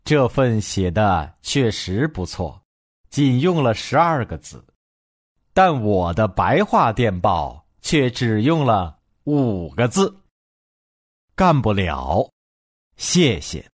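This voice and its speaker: A calm, soft-spoken male professor, read by a man, his voice lowered and unhurried as he patiently explains. The tone is husky, and the sound is close and dry. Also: no echo, full character voice.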